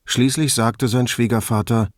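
A man calmly narrating an audiobook in an even storytelling manner, close to the microphone. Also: medium pitch, normal speed, dry recording. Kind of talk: scripted narration.

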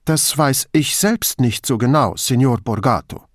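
A timid, pedantic male bureaucrat on the phone, put on by a male audiobook reader. His voice sits noticeably higher than the reader's own and is dry and close. He sounds fussy and submissive. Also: a little slow, dry recording, close to an everyday voice. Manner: pedantic, submissive, raised pitch.

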